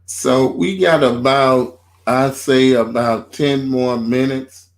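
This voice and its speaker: A man co-hosting a faith talk show, speaking informally and building his points slowly with repeated phrases, in a casual preaching tone. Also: mid-range voice, fairly even intonation.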